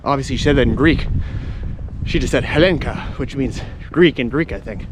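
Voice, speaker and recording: A man's brisk, medium-pitched voice competes with background noise. He vlogs casually while walking around outside, chatting informally and explaining things spontaneously as he explores.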